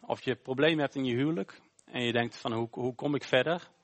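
Guy preaching at a church service, casual storytelling, lots of eh's and restarts, mid-pitched voice. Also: a little fast. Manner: informal, storytelling, with frequent hesitations. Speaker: pastor. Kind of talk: sermon.

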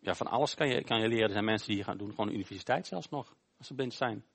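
A male pastor gives an informal sermon during a church service. He tells a Bible story conversationally, often pausing on "eh". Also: lowish voice, vocal fry, fairly bright tone, husky. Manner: informal, storytelling, with frequent hesitations.

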